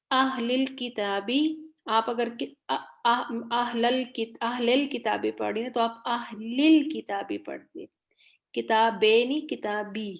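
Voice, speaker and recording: A woman's voice: a little high, vocal fry. A woman teaching a Quran recitation class online, patiently correcting a student's pronunciation and repeating words.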